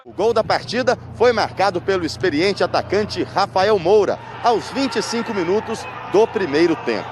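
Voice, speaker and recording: A Brazilian man reading scripted football highlights narration. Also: animated, moderate pace, few pauses, heavy background noise.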